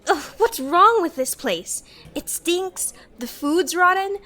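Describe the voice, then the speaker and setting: A woman's voice: a little high, sing-song, takes it slowly, exaggerated voice. Woman playing a whiny schoolgirl. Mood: disgusted. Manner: whiny, disgusted. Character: fussy teenage schoolgirl, female. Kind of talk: amateur audio drama.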